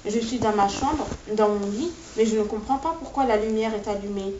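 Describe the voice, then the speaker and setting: A woman's voice: medium pitch, brisk, darkish tone, a little hiss or hum. Woman reading her novel aloud. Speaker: author reading from her book. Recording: distant, echoey, dull-sounding recording.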